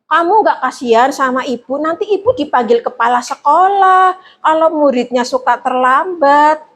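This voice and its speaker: A woman acting out a gentle female teacher who reproaches a pupil softly to make him feel guilty. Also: high-pitched, lively intonation, normal speed. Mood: reproachful. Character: soft-spoken guilt-tripping female teacher.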